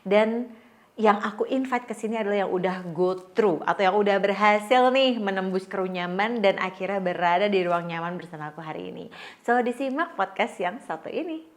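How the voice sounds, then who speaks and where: A woman's voice: mid-range voice, normal speed. Casual chatty woman hosting a podcast. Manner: echoes guest's words and gives frequent backchannels; informal, mixes in English words. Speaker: podcast host.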